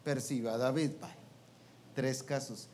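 A man's voice: medium pitch, fairly even intonation, a little slow, darkish tone, a little hiss or hum. A man giving a sermon to a ministers' meeting, colloquial, often asking his listeners questions and ending phrases with "pues" and "¿va?". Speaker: preacher teaching a ministers' meeting. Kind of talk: interactive sermon.

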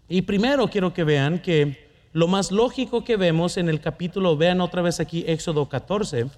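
Male preacher, high voice, lively storytelling sermon, questions to the congregation. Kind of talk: sermon with personal testimony.

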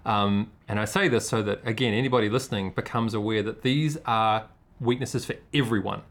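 A man's voice: on the low side, fairly quick, a bit bright. A man hosting a casual podcast conversation, reflective and asking long, winding questions. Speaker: podcast host.

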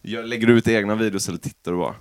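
A young man hosting a casual podcast chat, swearing a lot, teasing his friends and laughing loudly. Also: fairly low pitch, clear, resonant tone. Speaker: podcast host. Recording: lo-fi home podcast audio.

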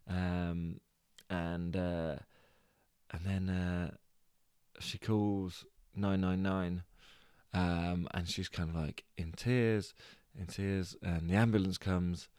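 A man's voice: deep voice, little pitch movement, slow pace, a little mellow, clean tone, no room sound, clean studio sound. A British man hosting a podcast, retelling a story in a rambling, hesitant way with lots of fillers and restarts. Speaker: podcast host.

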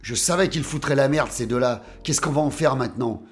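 A man's voice: mid-range voice, fairly quick, faint music behind, lightly acted. A man voicing a male bookseller gang boss who sighs and speaks curtly in an audio story. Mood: irritated. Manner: curt, weary.

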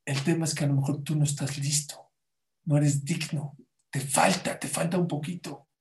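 A man gives a religious lesson, spinning a story with lively emphasis. He repeats words for effect and keeps the narrative moving. His voice sits a little high for a man. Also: moderate pace. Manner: animated, emphatic repetitions. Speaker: religious teacher.

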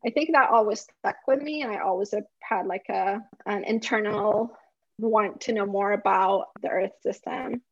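A woman's voice: fairly high pitch, no room sound, lo-fi sound. A woman in her thirties from Lebanon, a climate researcher chatting casually in an interview and laughing often.

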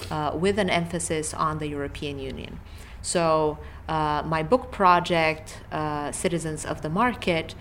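Academic guest: woman in her thirties, lower voice, measured and hesitant. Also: a bit bright, slight background noise. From Romania. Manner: thoughtful, hesitant, many fillers and restarts. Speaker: political science professor, podcast guest. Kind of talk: podcast interview answers.

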